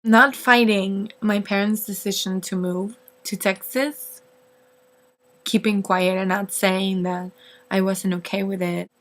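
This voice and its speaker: A woman in her twenties, a native Spanish speaker from northeast Mexico, answers viewer questions as a vlogger, rambling casually to camera and making fun of herself. Her medium-pitched voice has fairly even intonation, and she takes her time.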